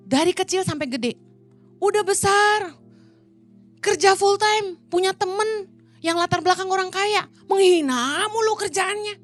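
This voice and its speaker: A woman pastor preaches in a high voice, telling stories in a loose, chatty way and acting out what people said. Faint music plays under her voice. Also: a little slow. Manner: chatty storytelling with Jakarta slang, acting out quotes. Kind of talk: sermon.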